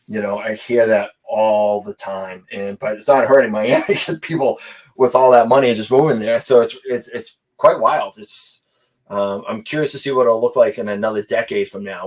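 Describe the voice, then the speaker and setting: A man's voice: fairly low pitch, darkish tone. A man with a Boston accent, a real estate investor guest chatting casually, laughing easily and restarting sentences. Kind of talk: casual chat.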